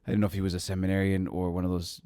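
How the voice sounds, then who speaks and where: A man with a low voice hosts a casual interview. His way of talking is informal and joking, wandering loosely from one remark to the next. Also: completely flat delivery, racing, mellow, clean tone, no room sound, clean studio sound.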